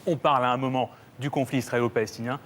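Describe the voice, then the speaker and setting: A man speaking as a talk-show guest, measured and insistent, careful to set the record straight. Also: mid-range voice, fairly even intonation, fairly bright tone, a little hiss or hum. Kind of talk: earnest talk-show exchange.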